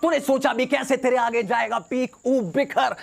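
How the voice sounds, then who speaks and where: A young man with a high voice spits battle-rap verses at a rival. He sounds cocky and taunting, with a mocking edge to every rhyme and English phrases thrown in. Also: fairly even intonation, normal speed, creaky, heavy background noise. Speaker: battle rapper.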